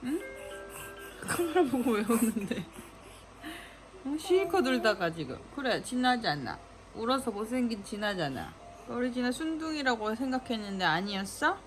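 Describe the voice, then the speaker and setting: A woman's voice: on the high side, very animated, moderate pace. A young mother talking in soothing, doting baby talk to her infant while filming a home vlog. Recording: music playing behind the voice. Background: background music.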